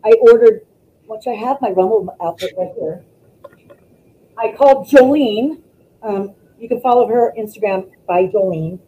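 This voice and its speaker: A woman, a former wrestler, chatting as a guest over a video call, telling stories in an animated way and acting out what people said. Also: medium pitch, measured pace, lo-fi sound, slight background noise. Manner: animated storytelling, acts out quotes. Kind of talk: casual interview chat.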